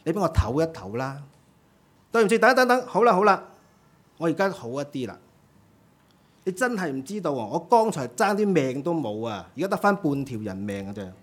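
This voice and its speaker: A man's voice: mid-range voice, sing-song, fairly quick, few pauses, breathy edge. A man voicing an overworked ant student who pleads with God and complains about endless classes and homework. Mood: whiny pleading.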